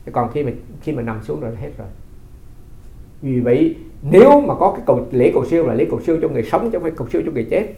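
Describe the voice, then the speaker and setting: A Buddhist monk giving a dharma talk, telling stories and asking rhetorical questions. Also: male voice, fairly high pitch, big pitch swings, rapid-fire, creaky, dark tone. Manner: conversational storytelling with rhetorical questions. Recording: roomy, slightly dull recording.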